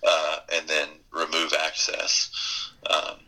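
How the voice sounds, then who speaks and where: A man's voice: a bass voice, monotone, slow, pushed and bright, soft background music, poor audio. A man, a pastor guest, answering interview questions in an earnest, plainspoken way and quoting scripture.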